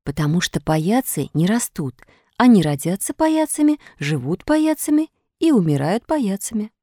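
Patient fairy, gentle and instructive, low warm tone that rises and falls a lot, read by a woman. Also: moderate pace, dry recording, studio quality. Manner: calm, soft, instructive.

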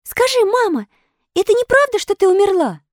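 A woman voicing a mischievous, eager wooden puppet boy in a squeaky, exclamatory child voice. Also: sing-song, normal speed, darkish tone, dry recording, studio quality. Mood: pleading. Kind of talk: audiobook character voice.

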